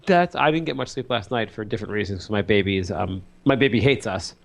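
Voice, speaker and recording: A man co-hosting a podcast, chatting casually and telling rambling, animated stories about his two small children with many fillers. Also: lowish voice, fast talker, vocal fry. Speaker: podcast co-host. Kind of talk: casual chat.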